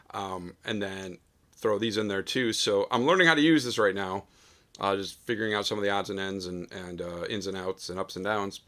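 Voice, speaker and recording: In his home studio, a man records a casual vlog between sung takes, talking into a studio dynamic mic. His fairly low voice is big and loud, and he rambles in a self-deprecating way packed with fillers.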